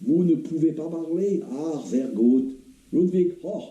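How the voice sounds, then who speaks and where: A man's voice: on the high side, takes it slowly, warm tone, recorded from a distance, pitched above the performer's own voice. A man voicing a gloating German man who speaks broken French with a strong German accent. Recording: roomy, dull lo-fi recording.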